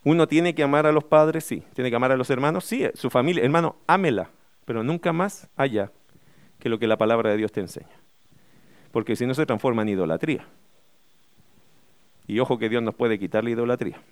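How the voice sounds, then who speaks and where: A man's voice: mid-range voice, fairly quick, pauses often, no room sound. A middle-aged man, preaching a sermon as pastor, emphatic and full of rhetorical questions.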